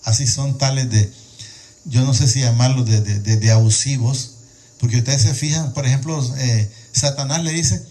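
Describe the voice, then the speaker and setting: A man's voice: mid-range voice, moderate pace, dark tone. A man preaching a sermon, reading scripture aloud and explaining it with rhetorical questions, often repeating words as he searches for the next one.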